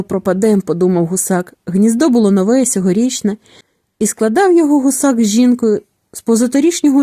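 A woman narrating a children's story in a calm, measured storytelling manner. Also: fairly high pitch, no room sound, clean studio sound. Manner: calm, measured storytelling with falling phrase endings.

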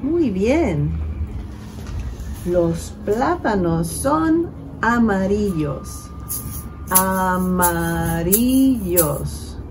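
A woman leading a bilingual children's storytime, switching between English and Spanish and drawing out words slowly to count syllables. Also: fairly low pitch, lively intonation, background noise. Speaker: children's librarian. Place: library.

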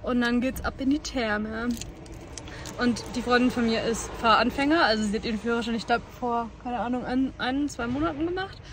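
A woman's voice: on the high side, fairly quick, noisy background. A young woman in her twenties talking casually into a phone held at arm's length, rambling and amused with herself as she vlogs. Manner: chatty, rambling, self-amused. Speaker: vlogger. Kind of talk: casual vlog chat to camera. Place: airport terminal, then car, then outdoors in snowy mountains.

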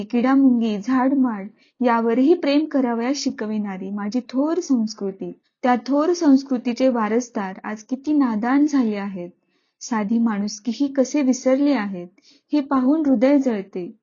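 A woman's voice: a little high, mellow, muffled recording. A woman reading a story aloud as narrator, in an earnest and reflective way.

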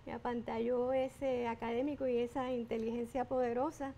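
A woman's voice: fairly high pitch, level tone, moderate pace, dark tone, a little hiss or hum. A Puerto Rican woman in her fifties with an accent blended with Panamanian, talking expressively and effusively as an interview guest. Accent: Puerto Rican Spanish blended with Panamanian. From Puerto Rico. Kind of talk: casual interview talk.

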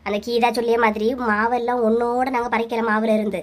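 A woman's voice: on the high side, little pitch movement, brisk, natural voice. A woman voicing a village wife who scolds and tries to settle a quarrel, with a Kanyakumari Tamil accent. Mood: scolding. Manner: scolding, bossy. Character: middle-aged village wife scolding and mediating. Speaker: channel creator voicing characters. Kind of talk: cartoon voice acting.

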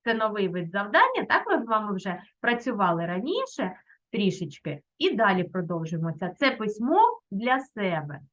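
A middle-aged woman teaching children in a video lesson, speaking gently and encouragingly. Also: medium pitch, sing-song, moderate pace. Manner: gentle and encouraging, uses diminutives. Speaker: primary school teacher.

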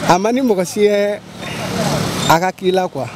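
A man's voice: high-pitched, lively intonation, slow. A young man with a Malian accent answering a street interviewer, amused. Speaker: passer-by. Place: busy street outdoors. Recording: street noise outdoors.

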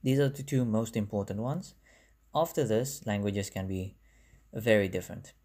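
A lowish, darkish male voice at a moderate pace carries this casual narrated lesson. The young man, South African in accent and Bangla by mother tongue, explains language points over slides in a talkative, self-correcting manner, captured on a phone.

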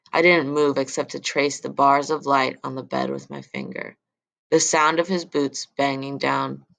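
A woman reading a novel aloud in first-person audiobook narration, steady and measured. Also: low voice, gravelly.

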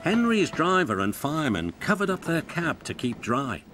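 Expressive male storybook narrator. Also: a little high, moderate pace, slight background noise. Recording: narration over loud music.

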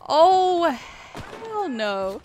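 A woman running a gaming channel plays an online shooter with friends, giving giggly, exclamatory, amused live commentary full of laughter. Her very high voice is sing-song, a little mellow, with drawn-out words and a little hiss or hum.

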